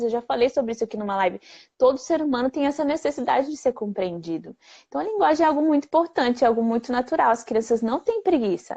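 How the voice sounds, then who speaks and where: Woman in her 30s, speech therapist answering questions live, lively and chatty, slightly high voice. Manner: lively, rhetorical questions, plain-spoken. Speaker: channel host answering viewer questions. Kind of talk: live Q&A explainer. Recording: dull lo-fi livestream audio.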